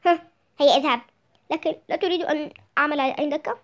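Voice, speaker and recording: A child putting on a haughty shouting king. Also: high-pitched, fast. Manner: haughty, loud, ordering people about. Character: proud angry king.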